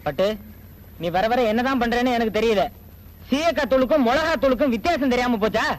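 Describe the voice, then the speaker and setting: An actor playing a middle-aged father who calms his wife and chides gently, in a Tamil film. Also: very high voice, brisk, low-quality recording. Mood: placating. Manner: placating, chiding gently. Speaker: father of the heroine. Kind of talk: 1980s Tamil film acting.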